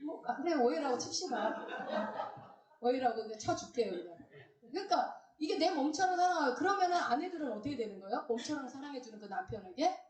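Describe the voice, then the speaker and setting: A middle-aged woman pastor giving a lively, teasing sermon, asking questions and acting out quoted voices. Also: high voice, brisk. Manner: animated, teasing, acts out quoted voices, asks the congregation questions. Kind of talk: lively Bible-study sermon. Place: church hall. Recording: roomy church sound, mic some distance off.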